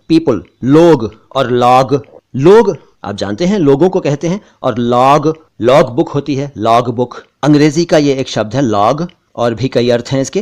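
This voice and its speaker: A man hosting a language lesson, patiently explaining how words are pronounced and saying each word again slowly. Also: medium pitch, a little mellow. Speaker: host and language teacher.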